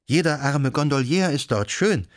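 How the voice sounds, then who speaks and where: A man's voice: on the high side, lively intonation, normal speed, dry recording, studio quality, pitched above the performer's own voice, close to an everyday voice. A man voicing a young woman in an audiobook, gushing with rhapsodic enthusiasm. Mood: rapturous. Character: young woman rhapsodizing about her city.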